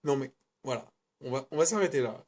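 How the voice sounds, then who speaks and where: A man's voice: medium pitch, lively intonation, brisk, darkish tone. Rambling casual male film reviewer. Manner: rambling, self-correcting, colloquial.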